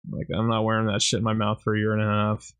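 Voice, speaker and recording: A man's voice: lowish voice, quick pace, clean tone. Blunt, swearing man ranting casually. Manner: blunt, swears freely, animated rants. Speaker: podcast co-host. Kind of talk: casual chat.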